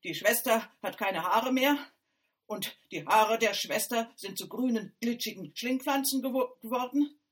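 Storybook stepmother voiced by a woman, loud, scolding, bossy, husky edge. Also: fairly high pitch, measured pace, voice pushed up. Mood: angry, scolding. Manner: shouting, scolding. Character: shrill, bossy, furious stepmother.

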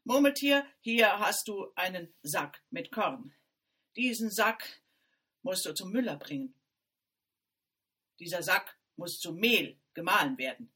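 A woman voicing a furious, bossy stepmother who shouts and scolds. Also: fairly low pitch, animated, slow pace, long pauses, breathy edge, heavily acted. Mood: angry, scolding.

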